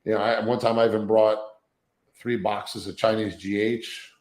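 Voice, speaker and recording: A man in his thirties, a guest telling profane, animated anecdotes in a casual interview, full of acted quotes. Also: on the low side, moderate pace, echoey room, poor audio.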